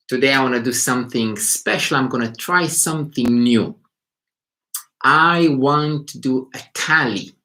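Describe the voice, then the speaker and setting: A Romanian psychology teacher who runs his own channel hosts a casual live stream from indoors in Beijing at night. His medium-pitched, slightly bright voice is unhurried as he thinks aloud and rephrases as he goes.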